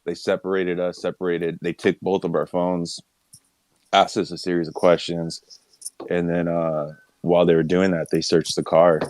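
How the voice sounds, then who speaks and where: A man with a very low voice telling a story in plain, matter-of-fact words. The sound is dry and close. He keeps the tone casual. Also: flat delivery, normal speed, a little mellow, no echo.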